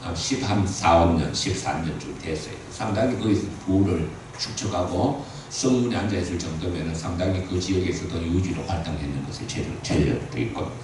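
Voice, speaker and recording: A man's voice: sits low, fairly quick, few pauses, noisy background. An older man preaching a sermon, telling the story in a folksy way and acting out the dialogue between characters. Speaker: pastor. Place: church sanctuary. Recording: roomy echoey hall, mic at a distance.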